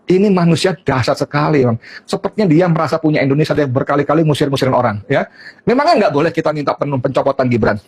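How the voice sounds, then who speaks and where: A man's voice: a little high, lively intonation, fast talker, a little mellow, husky. A middle-aged man delivering a heated political monologue, combative and mocking, repeating his points and scolding his target directly. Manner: addresses target directly and scornfully. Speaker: political commentator.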